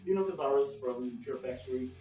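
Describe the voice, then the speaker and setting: A male podcast host chatting with a guest in a casual interview. He rambles and keeps circling back to reword his questions. He sounds set back from the mic in an echoey room, with music playing clearly behind him. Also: mid-range voice, moderate pace, mellow, distant mic.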